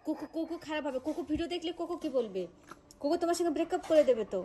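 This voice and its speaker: A woman's voice: high-pitched, expressive, very fast, dark tone. A woman talking baby talk to her pet dog in a vlog, coaxing, scolding and cooing in a singsong way. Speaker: pet vlogger.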